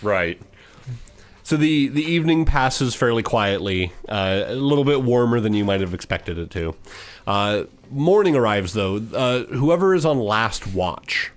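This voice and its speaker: A man narrating as game master, steady and matter-of-fact, with frequent pauses. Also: mid-range voice.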